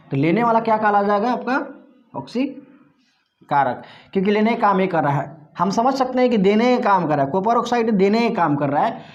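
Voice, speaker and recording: A man's voice: high voice, highs cut off. A male teacher giving a classroom chemistry lesson, putting questions to the class and answering them himself, repeating the key terms.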